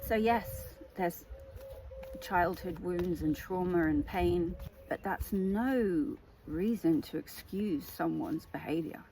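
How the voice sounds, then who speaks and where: A woman giving an emphatic, animated tarot reading monologue. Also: lowish voice, slow pace, slight background noise. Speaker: tarot reader.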